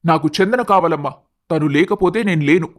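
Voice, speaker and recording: A man's voice: on the high side, fairly quick, natural voice. A man voicing an earnest, lovestruck young man who speaks in a pleading way. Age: young adult.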